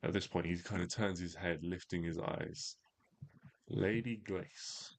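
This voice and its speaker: A man narrating a tabletop fantasy game as game master, in a measured, theatrical storytelling manner. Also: low-pitched, little pitch movement.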